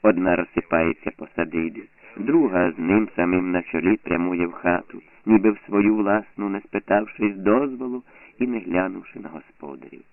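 A man narrating an audiobook in a measured, somber storytelling manner. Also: deep voice, vocal fry. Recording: tinny lo-fi phone-like sound.

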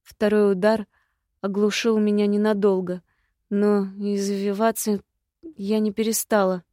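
A woman narrating an audiobook as scripted narration, reading in an even, measured way. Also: medium pitch, no echo, studio quality.

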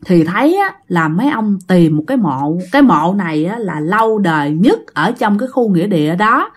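A woman's voice: mid-range voice, lively intonation, normal speed, slightly rough. A woman with a Southern Vietnamese accent telling a ghost story in a chatty way, talking to listeners. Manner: chatty, addressing listeners directly. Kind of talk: casual ghost story narration.

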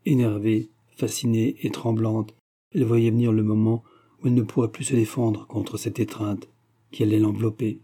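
A man reading a classic novel aloud in a measured, even narration. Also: on the low side, breathy edge. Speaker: audiobook reader. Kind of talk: scripted narration.

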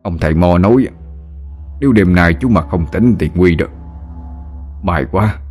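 A man's voice: deep voice, unhurried, a little mellow, faint music behind. A man voicing a fretful, impatient older village man who grumbles and scolds in a story reading. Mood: relieved.

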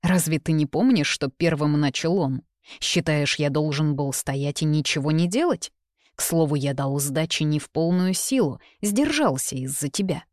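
A woman's voice: low-pitched, moderate pace, darkish tone, no echo, studio quality, lightly acted. Woman voicing a cocky teasing young man. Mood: defensive. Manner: mocking, provocative.

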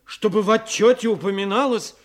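An actor playing an earnest, excitable male police inspector in an audio drama, speaking in emphatic, halting phrases. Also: high voice, close to an everyday voice. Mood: humbled, grateful. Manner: emphatic, halting, repeating words.

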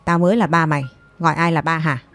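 A man's voice: on the high side, flat delivery, fast talker, fairly bright tone, soft background music. A woman voicing a crude, bullying young ex-husband who snarls his lines, in a storybook reading. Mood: contemptuous. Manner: snarling, contemptuous.

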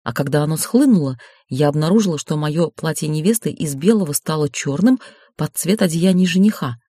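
A woman reading a first-person audiobook narration in a steady, lightly ironic way. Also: low-pitched, brisk, breathy edge, dry recording, studio quality. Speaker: audiobook reader.

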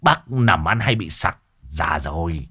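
A man's voice: low-pitched, sing-song, slow, bright, forceful tone, slightly rough, pitched below the performer's own voice, heavily acted. A man voicing a frightened old man, stammering and pleading. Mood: flustered.

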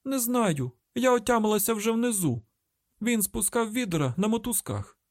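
A panicked young woman shrieks and curses from the bottom of a pit, as a man puts her on. Her voice is pushed very high and loud, with a Ukrainian accent. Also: animated, moderate pace, no echo, clean studio sound. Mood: hysterical. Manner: hysterical screaming and cursing.

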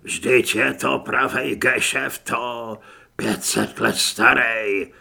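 A man voicing a coarse, hot-tempered thug who talks hoarse and rough in an audiobook. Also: mid-range voice, fairly even intonation, sharp tone, voice pushed down, heavily acted. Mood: gruff.

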